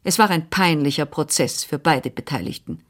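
A woman reading a literary memoir aloud in a measured, expressive first-person narration. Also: low-pitched. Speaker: audiobook reader.

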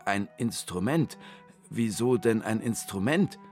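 A man's voice: lowish voice, lively intonation, unhurried, darkish tone, faint music behind. A man voicing an indecisive, fussy grown man in a children's radio story, speaking in a hesitant, stammering, whiny way.

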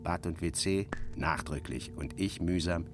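Over music, a man with a deep voice performs a dramatic first-person narration in the manner of a radio play. His measured delivery is theatrical and sardonic, full of expressive changes in emphasis.

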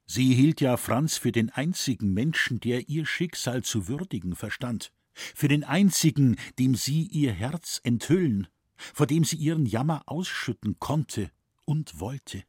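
A man narrating a novel as an audiobook in a measured, solemn way. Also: medium pitch, animated, a little mellow, breathy edge, no room sound, clean studio sound. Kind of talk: scripted narration.

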